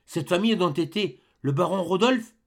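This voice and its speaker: A man's voice: high-pitched, lively intonation, moderate pace, pitched above the performer's own voice. A man voicing a young count in his thirties who asks courteous, inquisitive questions.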